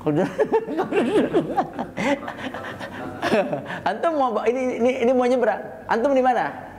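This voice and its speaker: A man giving a casual religious lecture, animated and acting out scenes, often asking rhetorical questions. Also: slow pace. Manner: animated, acts out scenes with sudden high-pitched shouts; uses frequent rhetorical tag questions. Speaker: Islamic preacher. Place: prayer room in an office tower. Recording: echoey prayer room with long reverb.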